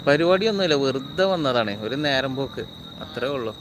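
A man's voice: medium pitch, lively intonation, a little fast. A man with a Malabar Malayalam accent chatting informally and directly to viewers on a casual live stream. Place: outdoors at a roadside hill viewpoint. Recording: very noisy outdoor recording, insects, vehicles.

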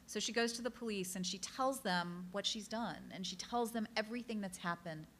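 Bright-voiced woman giving an author talk. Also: mid-range voice, animated, a little hiss or hum. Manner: earnest, direct storytelling with quick apologetic asides. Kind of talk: public talk to a live audience.

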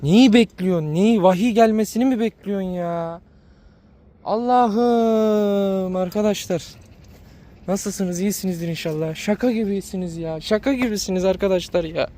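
High-voiced man vlogging. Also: moderate pace, mellow. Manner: repeats himself, talks to his dogs and viewers. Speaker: dog breeder vlogger. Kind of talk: casual vlog talk to viewers and dogs.

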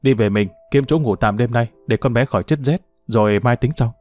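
A man's voice: mid-range voice, a little fast, darkish tone, no echo, faint music behind, natural voice. A man voicing a firm but kind male police officer who questions a stranger. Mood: stern, concerned.

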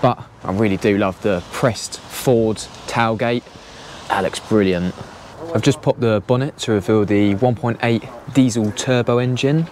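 A man's voice: lowish voice, a little mellow. Young guy, casual car walkaround, chatty and easygoing, action camera outdoors, faint noise. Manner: chatty, easygoing, quick laughs. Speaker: car vlogger. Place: outdoor car auction yard in rain.

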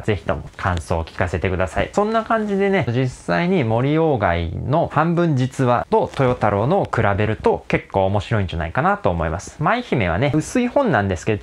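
A man hosting a casual spoken lecture on a classic novel, chatty and opinionated. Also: on the low side. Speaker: host explaining literature.

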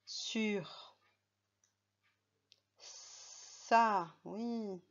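A woman's voice: medium pitch, very slow, dull audio. A woman teaching a reading lesson to young children, patient and careful, spelling words out letter by letter. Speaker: primary school teacher.

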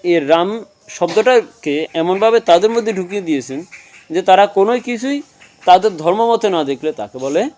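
A man's voice: sits high, lively intonation, moderate pace, a little mellow. A man giving a devotional talk, asking his listeners questions and answering them himself, explaining with everyday examples. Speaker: religious speaker.

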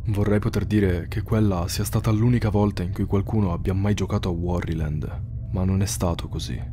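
A man narrating a horror story in a measured, somber scripted read. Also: low-pitched, fairly even intonation, over music.

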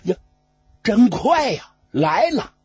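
A storyteller voicing an imperious male ruler of old who questions in a commanding way, with a raspy voice. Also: high voice, sing-song, slow, a little mellow, dry recording, voice pushed up, full character voice. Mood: startled. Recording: dull lo-fi recording.

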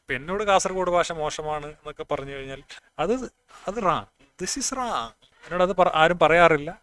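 A man's voice: a little high, expressive, normal speed, fairly bright tone, clean tone. A man from northern Kerala giving a casual spoken talk, plainspoken and reasoning aloud, often restarting words. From Kasaragod, northern Kerala. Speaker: speaker on language.

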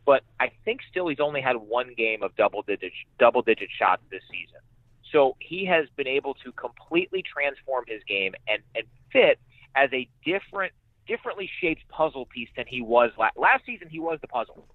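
This male radio announcer guest has a medium pitch and lively intonation, speaking fairly quickly as he offers conversational sports commentary. He's emphatic and repeats phrases for emphasis; the recording has no echo but sounds muffled and phone-like.

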